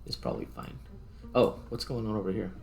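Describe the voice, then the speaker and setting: A man does casual let's-play commentary, thinking aloud and muttering to himself as he works through a game. His voice is on the low side, a little mellow and sing-song, with vocal fry and a brisk pace. Music plays in the background.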